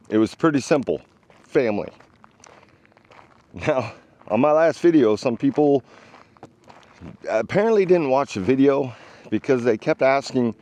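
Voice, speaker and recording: A middle-aged man from the United States talks straight to the camera in a casual vlog, earnest and emphatic. His voice sits fairly low, and he is a bit winded from carrying a tripod. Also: darkish tone. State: out of breath, walking with a tripod. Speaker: vlogger.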